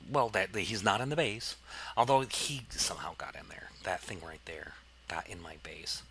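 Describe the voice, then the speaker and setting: A man's voice: deep voice, normal speed, fairly bright tone, slight background noise. A man casually commenting on his gameplay, rambling and explaining as he goes, with plenty of fillers. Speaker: let's play host.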